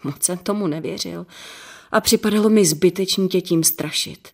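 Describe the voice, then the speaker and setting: A woman's voice: on the low side, creaky, husky. Woman reading as an offhand husband. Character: husband, calm and reassuring family man. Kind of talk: audiobook character reading.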